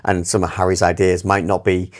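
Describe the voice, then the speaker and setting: A low-pitched man chats about how he directs a stage comedy. He is earnest and a little halting, repeating words as he works through his examples, in a relaxed podcast conversation. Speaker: theatre director and club vice chair, guest. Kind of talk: casual podcast chat.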